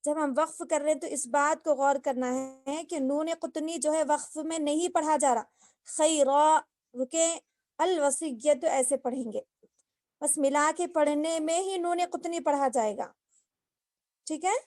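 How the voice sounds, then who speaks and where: At a normal speed, a Quran recitation teacher with a high, mellow voice patiently explains each rule in an online lesson, checking understanding with repeated questions. The sound is close and dry, video-call style, with no echo.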